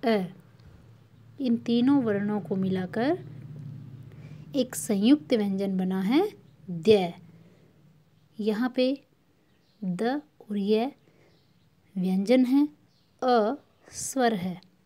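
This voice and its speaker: A woman's voice: mid-range voice, lively intonation, drawn-out words, pauses often, warm tone. A woman teacher giving a patient lesson to children, drilling sounds by repeating syllables again and again. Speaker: school teacher.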